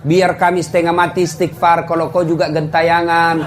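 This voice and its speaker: High-voiced comic preacher. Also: male voice, level tone, moderate pace. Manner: humorous storytelling, jumps from loud exclaiming to low confiding tones. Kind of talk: comedic sermon. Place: before a live congregation.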